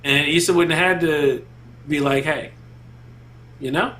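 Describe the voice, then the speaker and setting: A man co-hosting a casual panel podcast, talking in a relaxed, slangy way and laughing often. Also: a little high, unhurried. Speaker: podcast co-host.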